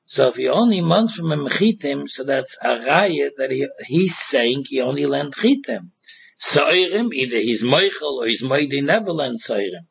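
A very husky, creaky-voiced man with a Yiddish-inflected accent teaches a Talmud class. He reads a phrase and then explains it in a sing-song way, repeating himself and posing questions. The recording is dull and muffled. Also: medium pitch, lively intonation, moderate pace. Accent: Yiddish-inflected English. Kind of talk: informal Talmud lesson, reading and explaining.

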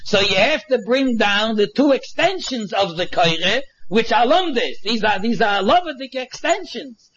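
A man's voice: very high-pitched, animated, unhurried, few pauses, a bit bright, husky. A man with a Yiddish accent giving an informal Talmud lesson, explaining step by step and emphatically repeating his phrases. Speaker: Talmud teacher. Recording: dull, muffled lo-fi audio.

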